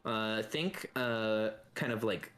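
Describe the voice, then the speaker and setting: A man running a tabletop game as dungeon master, describing rooms in a relaxed way with many fillers. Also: lowish voice, takes it slowly.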